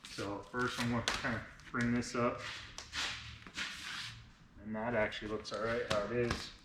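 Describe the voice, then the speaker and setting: A man's voice: medium pitch, flat delivery, moderate pace. Man with braces lisp, echoey noisy recording. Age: 30s. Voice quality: slightly lisping speech from wearing braces. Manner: informal, explains each step as he works. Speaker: vinyl wrap installer, presenter of a how-to video. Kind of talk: casual hands-on tutorial narration. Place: indoors in a garage workshop. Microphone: camera on a tripod, a short distance away. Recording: echoey garage with clear background noise, clicks.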